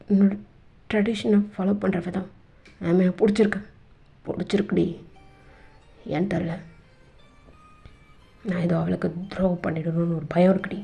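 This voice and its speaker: A woman voicing a brooding, conflicted young husband in a fan audio drama, confiding one moment and shouting harshly the next. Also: on the low side, vocal fry, dull audio. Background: faint background music.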